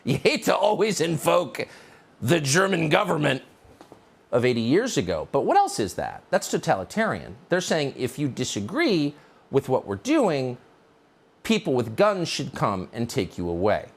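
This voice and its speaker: A news show host delivering a sardonic opinion monologue. His pitch swings dramatically from low growls to high mocking peaks, sitting a little above the usual male register. He sounds scornful and emphatic. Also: huge pitch swings, normal speed, gravelly, slightly rough.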